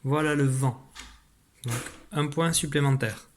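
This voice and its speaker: A man, a teacher giving a recorded spelling dictation, patient and clear, slowly articulating each sound. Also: fairly high pitch, a little hiss or hum.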